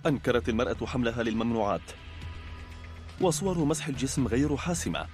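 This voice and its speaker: A man giving scripted narration for a documentary in an even, informative way. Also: medium pitch. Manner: fast, even, informative delivery. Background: faint music.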